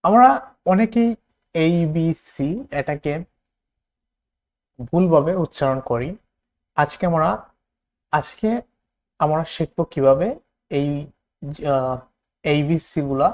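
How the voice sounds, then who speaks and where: A man with a Bangladeshi accent teaching a spoken English lesson, repeating words slowly for learners to copy. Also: on the high side, expressive, darkish tone.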